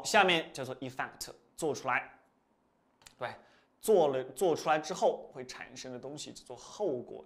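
A man teaching a vocabulary lesson in a lively, repetitive way. He pushes up in pitch and loudness to stress key points, then drops off quietly at the ends of phrases. His voice sits at an ordinary middle pitch. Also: vocal fry. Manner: lively, repetitive explaining with rising emphasis and trailing-off endings.

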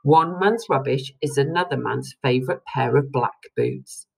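A woman's voice: a bass voice, measured pace, gravelly, breathy edge, heavily acted, poor audio. A woman voicing a cheerful, kind father who works as a bin man.

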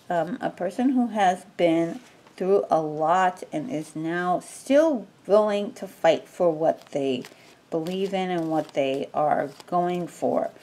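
A woman reads tarot cards in a relaxed, unscripted way, her speech slow and unhurried. Her voice sits somewhat low, and she fills pauses with ums and restarts her sentences as she goes. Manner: slow, rambling, many fillers and restarts. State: sneezing from allergies. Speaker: tarot reader. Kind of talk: casual tarot reading.

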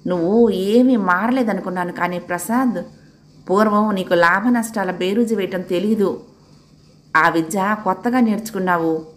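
A woman's voice: medium pitch, normal speed, close to an everyday voice. A woman voicing a grown woman who confides in an old friend, reproachful and teasing.

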